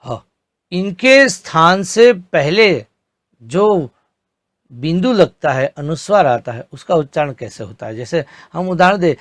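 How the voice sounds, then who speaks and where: A man with a voice on the high side teaches a slow, deliberate Hindi grammar lesson, drawing out each spoken example word with careful enunciation. The recording is clean studio sound with no room echo.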